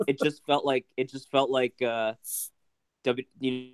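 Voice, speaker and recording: A man's voice: medium pitch, flat delivery, clean tone, no echo. Man on a breaking-up call connection. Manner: halting, trailing off mid-sentence. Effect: breaking-up internet call connection. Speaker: wrestling podcast co-host. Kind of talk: casual chat. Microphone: remote call.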